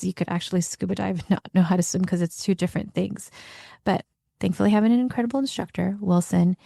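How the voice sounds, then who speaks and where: Woman doing a chatty solo podcast, mellow warm voice, super dry close mic. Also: on the low side, gravelly, no echo. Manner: candid and chatty, acts out her own inner dialogue. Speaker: podcast host.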